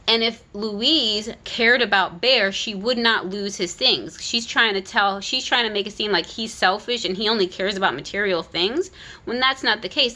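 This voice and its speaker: Woman, parent, vlog reviewer; bright tone, mid pitch, candid and critical, casual delivery. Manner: frank, critical, with "like" and "you know" fillers. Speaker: parent reviewing a children's book. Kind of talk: opinionated casual commentary.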